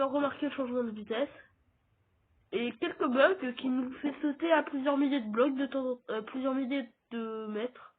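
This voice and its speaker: Over tinny, phone-like audio, a gaming YouTuber with a French accent does laid-back let's-play commentary. His voice is very high-pitched with a breathy edge, and he talks directly to his audience as he plays.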